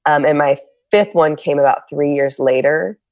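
A middle-aged woman from San Diego, United States, speaks as a podcast guest in a reflective conversational interview, her voice low and steady. Candid and thoughtful, she pauses and restarts often while searching for words. The close, dry recording has no room sound.

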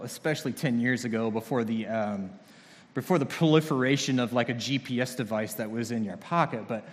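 A man's voice: medium pitch, fairly bright tone. A man preaching a sermon as a pastor, talking conversationally with dry humor. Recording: long reverb of a large hall.

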